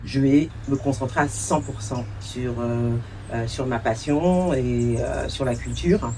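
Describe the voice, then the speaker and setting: A woman's voice: a bass voice, unhurried, warm tone, far from the mic, a little hiss or hum. A woman in her forties, raised in France, answering interview questions as a cultural entrepreneur and producer, thoughtful, with many hesitations and a few English words mixed in.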